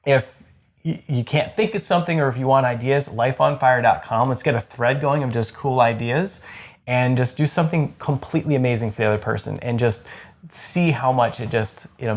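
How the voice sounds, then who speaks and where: A man's voice: mid-range voice, moderate pace. A man in his thirties hosting a casual chat to camera, enthusiastic and rambling with lots of restarts. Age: 30s. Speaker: host.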